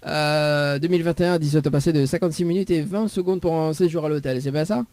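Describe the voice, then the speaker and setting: A man with a Réunion accent runs a live radio call-in game with a high, bright-pitched voice. He teases, jokes and laughs through the exchange, and his voice sounds dry and close, with no room around it. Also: fast talker, no room sound. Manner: teasing, joking, laughs often. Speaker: radio host.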